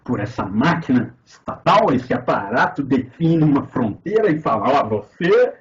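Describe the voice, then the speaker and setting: A philosophy teacher from Brazil with a Minas Gerais Portuguese accent offers lecture commentary on a text, sarcastic and swearing, veering from loud outbursts to quiet mutters. His medium-pitched voice is very animated at a moderate pace, with the highs cut off.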